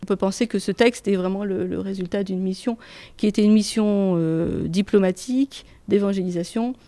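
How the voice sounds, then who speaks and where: Woman researcher, warm low-key tone, measured explanation, dry close sound. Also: no room sound. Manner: careful, hesitant, many fillers. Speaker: researcher guest. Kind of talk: explaining history in an interview. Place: research institute room.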